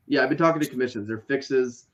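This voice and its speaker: A man in his late thirties co-hosting a casual podcast, animated and teasing, swearing freely. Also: medium pitch, quick pace, muffled recording. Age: 30s. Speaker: podcast co-host.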